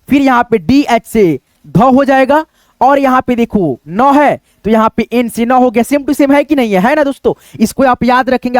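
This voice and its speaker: A man giving a spoken English lesson, repeating letter sounds slowly and asking his viewers questions. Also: very high voice, dry recording. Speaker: English teacher.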